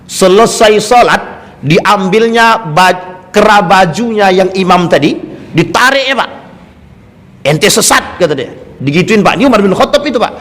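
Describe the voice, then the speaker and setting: A man's voice: high voice, lively intonation, moderate pace, fairly bright tone. A male Islamic preacher giving a sermon, speaking directly to the congregation and telling stories through questions. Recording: long hall reverb.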